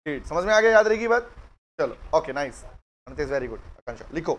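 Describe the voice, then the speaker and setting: A middle-aged man with an Indian English accent teaching a live law class, dictating notes slowly in mixed Hindi and English and calling on students by name. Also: fairly high pitch, sing-song. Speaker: law lecturer.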